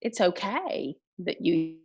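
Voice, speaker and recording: A woman's voice: on the low side, sing-song, slow, darkish tone, slightly rough, muffled recording. A woman guest talking over a remote call whose bad connection keeps breaking up, explaining her point in thoughtful restarts. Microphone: remote call line.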